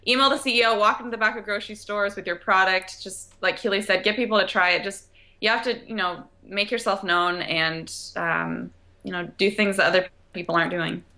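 A woman's voice: medium pitch, fairly even intonation, fairly quick, sharp tone. A young adult woman, a company co-founder, talking confidently and enthusiastically as a guest in a casual interview.

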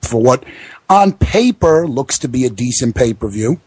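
A man with a husky voice at middle pitch hosts a casual sports radio show. He talks bluntly, in a very dry, close recording. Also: animated, moderate pace, darkish tone, no echo. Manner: blunt, freely swearing. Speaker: host of a wrestling radio show. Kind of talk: casual live commentary chat.

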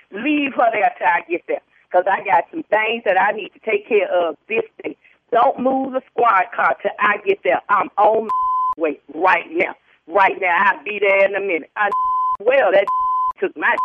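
A woman heard over the phone, agitated and repeating herself, cutting in with bitter laughs. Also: medium pitch. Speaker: prank call target. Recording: tinny phone line, dry.

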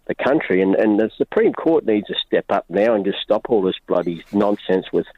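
A man's voice: lowish voice, fairly quick, dry recording. A man with an Australian accent calling into a radio talk show and rambling with many fillers. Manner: rambling, frequent fillers and restarts. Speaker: caller. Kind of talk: phone-in call. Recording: muffled phone-in line.

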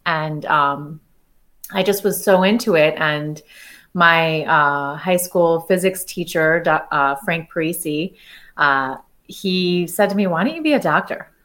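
A woman's voice: deep voice, unhurried, a bit bright. A woman from the United States, a physician and startup founder, speaking enthusiastically as a podcast interview guest. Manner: enthusiastic, chatty.

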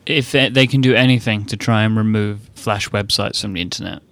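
A man's voice: lowish voice, fairly even intonation, brisk, creaky, a bit bright, dry recording. A man co-hosting a casual tech podcast, loose and joking, with lots of "like". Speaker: podcast co-host.

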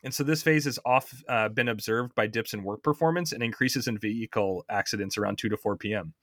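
A man's voice: fairly low pitch, a little fast, fairly bright tone, dry recording. Dry-voiced man explaining science casually. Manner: explains step by step, checks in with "right?". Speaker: podcast host explaining science. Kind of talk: casual explanatory podcast chat.

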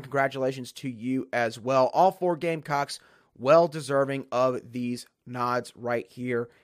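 A man hosting a solo sports podcast, his voice nasal from allergies, talking eagerly and speaking straight to his listeners. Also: mid-range voice. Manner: enthusiastic, direct address to listeners.

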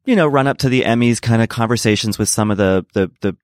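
Male podcast host, lowish dry voice, conversational, loose hesitant phrasing. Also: fast talker, no room sound. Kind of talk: casual conversational interview.

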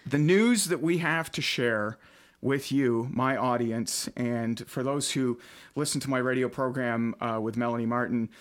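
A man's voice: medium pitch, unhurried. Casting note: man, late 30s, talky podcast host, loose and rambling. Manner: chatty, rambling with many fillers. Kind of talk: casual podcast chat. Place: home basement studio.

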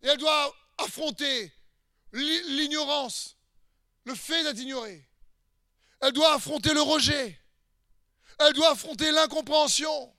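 Male preacher, very high and bright, emphatic and repetitive, dry close sound. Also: unhurried, pauses often, no echo. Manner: emphatic, with repeated hammering phrases, sometimes shouting; speaks straight to the listener with questions. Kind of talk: sermon.

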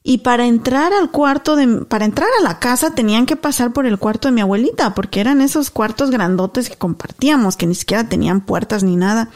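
A woman's voice: fairly high pitch, brisk, few pauses. A woman in her thirties, a podcast co-host, telling a story casually and acting out the voices of the people in it. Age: 30s. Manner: animated storyteller, acts out dialogue.

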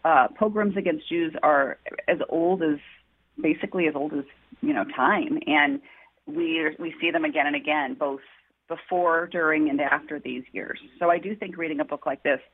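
Heard over tinny phone-line audio, an author guest answers interview questions with a deep, husky voice. She recounts her story earnestly and from the heart.

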